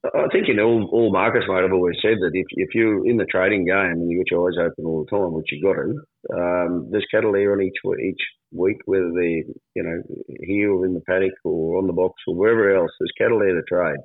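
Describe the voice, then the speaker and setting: Over a roomy, phone-quality radio line, a guest livestock agent from rural Australia delivers an easygoing market update in a laid-back outback drawl full of colloquialisms. He speaks low and slightly fast, with fairly even intonation.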